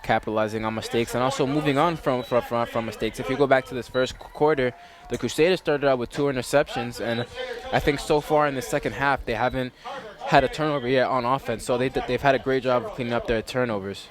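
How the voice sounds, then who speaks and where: A teenage man, a student player, doing casual play-by-play commentary for a high school football game, with frequent restarts. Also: fairly even intonation, fast, a crowd in the background. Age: teens.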